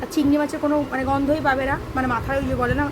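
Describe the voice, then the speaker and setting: High fast-talking woman. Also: little pitch movement, background noise. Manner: scolding, chatty, addresses viewers directly. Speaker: vlogger. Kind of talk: casual home vlog talk to viewers. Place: home, indoors.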